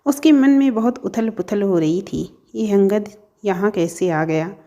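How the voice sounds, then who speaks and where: Woman narrating a story in a mellow voice. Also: medium pitch, measured pace, dull audio. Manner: steady, even storytelling.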